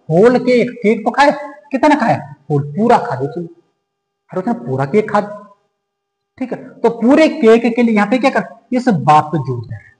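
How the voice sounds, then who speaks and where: A man teaching English grammar in a lesson that mixes Hindi and English. He asks the class questions and answers them himself, saying the English examples slowly before explaining them quickly. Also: high voice, darkish tone, roomy sound, big-room sound, poor audio.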